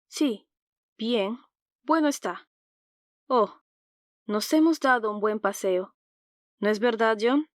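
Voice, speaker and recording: A woman's voice: a little high, takes it slowly, long pauses, dry recording, studio quality. A woman reading an audiobook, voicing a jovial middle-aged father as a hearty dinner host. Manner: hearty, genial storytelling tone.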